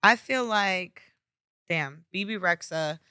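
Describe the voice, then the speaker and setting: Bright, playful woman podcast host. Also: on the low side, animated, slow pace, smooth, no room sound, clean studio sound. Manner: teasing, playful. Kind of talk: casual interview chat.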